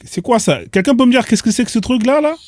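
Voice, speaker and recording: A man's voice: very high voice, animated, fast, darkish tone, no room sound, studio quality. A man hosting casual reaction commentary on odd internet clips, incredulous and firing off rhetorical questions in street slang. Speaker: host reacting to social media clips.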